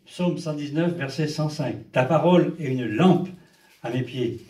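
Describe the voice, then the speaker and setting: An older male pastor preaches in a fairly high voice, leaning hard on his points and calling out amen and hallelujah as he goes. He sounds a little away from the mic, and the church around him rings with echo. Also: measured pace, dark tone. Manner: emphatic preaching, with repeated amens and hallelujahs. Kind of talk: sermon. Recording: echoey church hall, mic at a distance.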